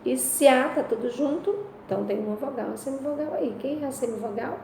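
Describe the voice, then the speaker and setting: Brazilian woman teaching, mellow voice, asks and answers her own questions, echoey room. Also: high voice, brisk, creaky. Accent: Brazilian Portuguese. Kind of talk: remote Portuguese lesson. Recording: echoey room with faint noise.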